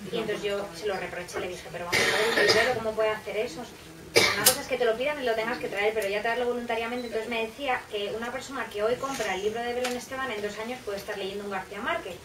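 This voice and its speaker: Fast-talking woman, distant and echoey. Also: fairly high pitch, steady tone. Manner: quick, agreeing interjections. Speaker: author on a discussion panel. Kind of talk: casual panel discussion. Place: bookshop café, seated at a table. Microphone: far camera. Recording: echoey room, distant mic, noise.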